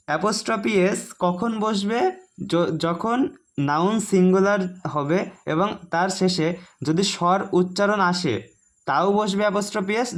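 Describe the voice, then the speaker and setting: High-voiced man teaching grammar. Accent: Bengali. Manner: chatty, keeps asking "ঠিক আছে?"; explains slowly, repeating each rule. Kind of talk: casual online grammar lesson.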